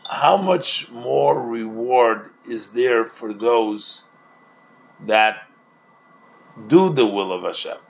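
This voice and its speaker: Slow gravelly man teaching a Talmud story. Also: mid-range voice, slight background noise. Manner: retells a story, then explains it, with many restarts. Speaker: Torah teacher.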